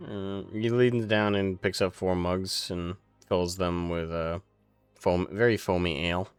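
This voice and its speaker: A man narrating as game master of a tabletop game, pausing often with fillers as he describes scenes. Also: low voice, steady tone, clean tone, dry recording, soft background music. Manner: halting, filler-heavy descriptions.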